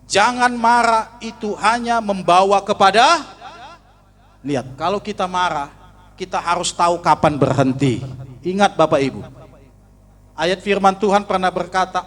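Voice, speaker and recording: A man preaching a sermon in church, animated, rising to near-shouts and acting out little scenes. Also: high-pitched. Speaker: pastor. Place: church hall.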